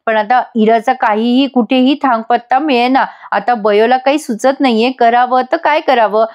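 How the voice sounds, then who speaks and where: A woman's voice: a little high, moderate pace, darkish tone, highs cut off. Chatty woman recapping a TV serial. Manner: addresses viewers directly, chatty and emphatic. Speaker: TV serial reviewer. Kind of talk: voice-over episode recap.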